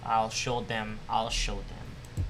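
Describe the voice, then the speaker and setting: A man's voice: on the low side, little pitch movement, slow, fairly bright tone, a little hiss or hum, voice pushed down. A man voicing a bitter, obsessive male scientist losing his mind, ranting and paranoid in a put-on Russian accent. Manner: ranting, paranoid, self-pitying.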